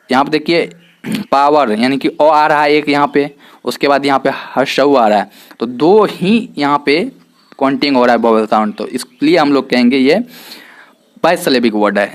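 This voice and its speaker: A male teacher explaining an English lesson in Hindi. He often asks a question and answers it himself. He also says each example word slowly several times. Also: a little high. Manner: mixes English terms into Hindi.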